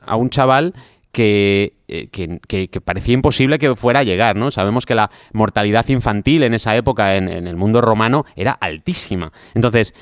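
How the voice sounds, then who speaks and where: A man with a Spanish accent, a guest historian talking through a story in a relaxed interview, with many fillers. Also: medium pitch, clean tone, no echo, studio quality. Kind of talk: conversational interview.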